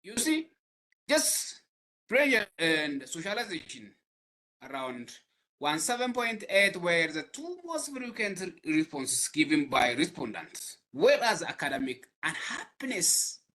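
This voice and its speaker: A young man with an Ethiopian accent giving an academic talk on a video call, pausing often with fillers. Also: high voice, big pitch swings, bright, forceful tone. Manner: halting, frequent pauses and fillers. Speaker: webinar presenter. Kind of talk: academic presentation.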